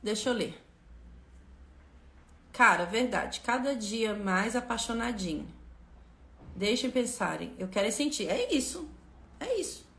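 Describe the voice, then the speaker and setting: A woman's voice: fairly high pitch, expressive, unhurried, gravelly, pauses often, fairly bright tone, reverberant. A woman hosting a spiritual lesson on a live stream, speaking fervently and emphatically, repeating phrases and turning to her viewers.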